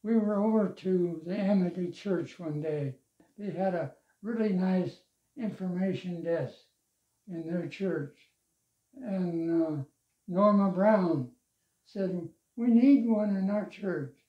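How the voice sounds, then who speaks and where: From an armchair in his living room, a longtime church member of advanced age, whose voice sits high, gives a relaxed interview full of slow stories about his life and church work, punctuated by chuckles. The lavalier mic gives a roomy, slightly dull sound.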